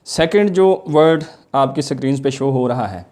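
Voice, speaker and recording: Mellow-voiced man teaching pronunciation. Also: medium pitch. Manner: slow, drawn-out model pronunciations of words. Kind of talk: lecture mixing Urdu and English.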